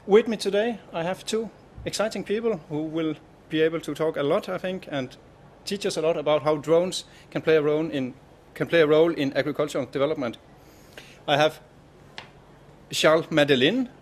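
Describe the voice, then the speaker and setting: A man's voice: on the high side, normal speed, slight background noise. A man moderating a live-streamed panel at a conference stand, speaking in a welcoming way with frequent hesitations.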